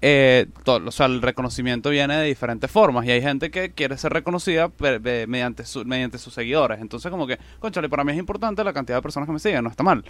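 A man with a Venezuelan accent co-hosting a podcast, talking in a quick, slangy, reflective way. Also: medium pitch, fairly bright tone, dry recording. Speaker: podcast co-host. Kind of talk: casual podcast chat.

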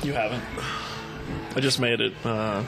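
Laid-back man chatting over loud music. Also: medium pitch, steady tone, unhurried, creaky. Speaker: hot sauce maker, guest. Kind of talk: casual product chat. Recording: loud music behind the talk.

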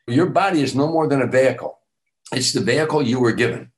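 A man's voice: medium pitch, expressive, quick pace, poor audio. An older man, an author and teacher, giving an earnest motivational talk in an interview, repeating affirmations with emphatic lifts on key phrases. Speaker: guest speaker, author and teacher.

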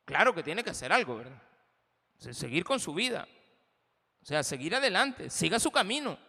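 Brief: impassioned Salvadoran male pastor, bright forceful voice, big echoing church. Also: sits high, very animated, moderate pace, vocal fry. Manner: impassioned, addresses the congregation directly. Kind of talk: sermon.

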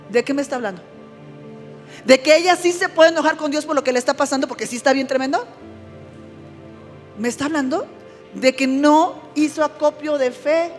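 A woman's voice: high-pitched, in a large hall. A woman pastor preaching a conversational sermon, often checking that listeners follow.

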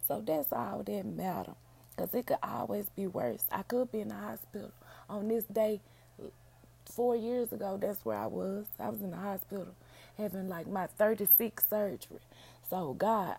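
Female solo podcaster, hoarse and gravelly, mellow delivery, down-home casual chat. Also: mid-range voice. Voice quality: raspy. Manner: down-home, addresses listeners as y'all and baby. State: hoarse, feeling unwell. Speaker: podcast host, book reviewer.

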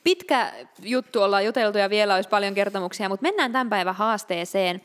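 A woman's voice: medium pitch, in a large hall. A young woman from Finland co-hosting a podcast with her sister, chatting casually and laughing often. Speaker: podcast co-host. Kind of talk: casual chat.

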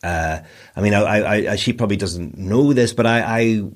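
A man's voice: lowish voice, normal speed. A Northern Irish man in his forties, a broadcaster and DJ chatting in an interview, rambling and self-deprecating with frequent restarts. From Northern Ireland. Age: 40s. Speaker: guest, broadcaster and DJ. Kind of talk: casual interview chat.

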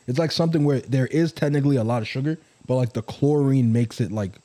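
Mellow-voiced young man chatting casually. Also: mid-range voice, quick pace. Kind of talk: casual banter with a friend.

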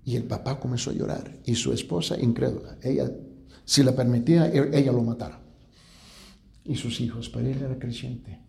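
Gravelly-voiced man preaching in an echoey room. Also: mid-range voice, fairly even intonation, moderate pace. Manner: drops to a hushed voice at grave moments. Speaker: pastor. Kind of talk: preaching a testimony story.

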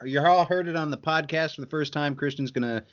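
A man's voice: fairly high pitch, fairly quick, dull audio. A man bantering and joking on a podcast. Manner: joking, teasing.

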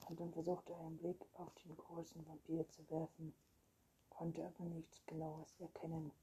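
A woman reading a children's storybook aloud with calm, measured narration. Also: low-pitched, breathy edge, rough recording. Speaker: reader.

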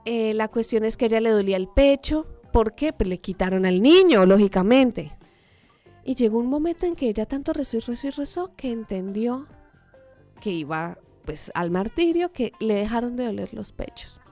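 A woman telling a story in a casual, animated way, full of fillers and acted-out reactions. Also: on the high side, moderate pace, soft background music.

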